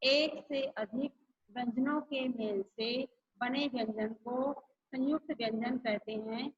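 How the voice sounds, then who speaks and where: A woman's voice: on the high side, slightly rough, muffled recording. A woman teacher giving an online grammar lesson to schoolchildren, repeating each rule and example. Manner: slow, repeats each point and example for pupils.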